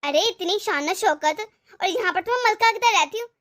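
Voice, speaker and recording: A woman doing a shrill scheming young cartoon wife. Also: lively intonation, brisk, fairly bright tone. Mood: bitter grumbling. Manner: bitter, complaining, sarcastic. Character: scheming resentful young wife, sharp-tongued. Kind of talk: animated cartoon voice acting.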